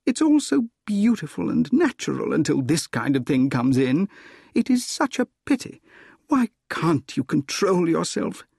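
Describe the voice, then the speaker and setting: A man voicing a proud, composed young woman in a storybook, gently reproving as she turns down a suitor. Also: on the high side, very animated, measured pace, creaky, husky, no echo, studio quality, pitched above the performer's own voice, heavily acted. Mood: dismayed.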